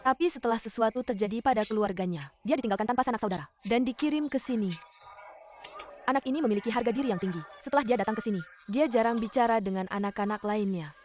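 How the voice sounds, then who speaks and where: A woman's voice: on the high side, fast talker, darkish tone, lightly acted. A woman voicing a chatty elderly nanny. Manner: fond and chatty. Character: warm, teasing elderly orphanage nanny. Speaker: dubbing actress. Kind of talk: dubbed television drama. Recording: dull sound, music behind.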